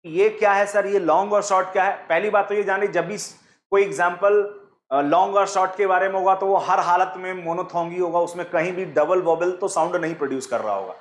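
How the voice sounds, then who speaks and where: High-voiced male online teacher, roomy. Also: brisk. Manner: explains step by step, asks the class questions; mixes English terms into his teaching. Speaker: online exam-prep teacher. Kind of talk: live online class.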